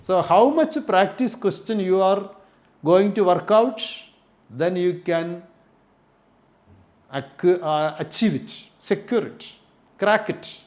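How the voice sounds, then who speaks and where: A man's voice: high voice, slow, long pauses, a little mellow. Indian-accented man teaching a class. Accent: Indian English. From Kerala, India. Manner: repetitive, emphatic lecturing with lists. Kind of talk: exam coaching lecture.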